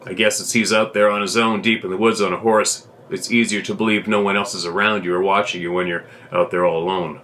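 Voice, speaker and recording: A man hosting a show, reading a viewer's letter aloud as a steady, plain story with small restarts. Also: deep voice, a little fast, few pauses, a little hiss or hum.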